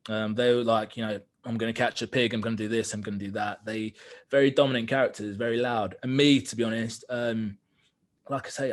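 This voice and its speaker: Earnest man recounting a story. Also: medium pitch. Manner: candid and earnest, many fillers. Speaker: podcast guest. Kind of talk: reflective storytelling in conversation.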